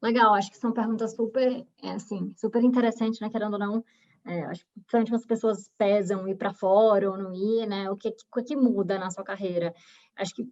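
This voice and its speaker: A woman in her 20s from Bahia, Brazil, speaks Brazilian Portuguese with a Bahian accent in a mid-range, darkish voice. She's a talkative recruiter appearing as a guest in a webinar interview, chatty and full of fillers and restarts. The audio is a dull, muffled lo-fi video call.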